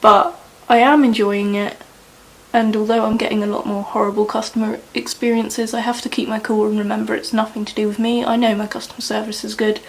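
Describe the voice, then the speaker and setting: Young woman, mid-pitched, rambling get-ready-with-me chatter, faint hiss behind. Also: little pitch movement, brisk, low-quality recording. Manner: rambling, chatty, lots of "like" and "you know". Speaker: beauty vlogger. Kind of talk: casual chat while doing makeup. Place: indoors at home, doing makeup.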